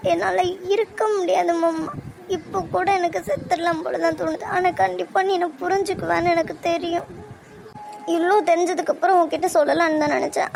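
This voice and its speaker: A woman's voice: extremely high pitch, gravelly, slight background noise. A woman voicing a tearful young woman. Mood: pleading, tearful. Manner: pleading, emotional. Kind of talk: cartoon drama voice acting.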